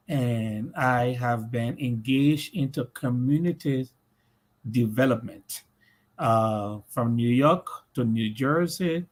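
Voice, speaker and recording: A middle-aged Liberian man answering interview questions slowly, pausing often with "uh". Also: medium pitch. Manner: slow, measured, with many "uh" pauses. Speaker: guest, community leader.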